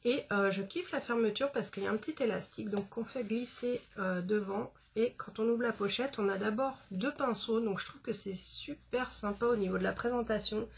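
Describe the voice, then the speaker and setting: A woman's voice: fairly high pitch, moderate pace, vocal fry, hardly any pauses, slightly rough. A woman chatting casually about a makeup haul, with many fillers and restarts. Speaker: beauty vlogger.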